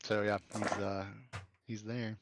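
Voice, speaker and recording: A man narrating as game master in an online tabletop game, casual and loose, with fillers and quick self-corrections. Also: lowish voice, little pitch movement, background noise.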